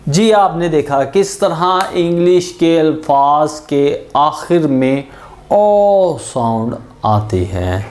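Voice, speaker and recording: Very slow pronunciation teacher, mellow low-key voice, drags out each example word. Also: animated. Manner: drawn-out example words, explained in Hindi-Urdu. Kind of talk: pronunciation lesson.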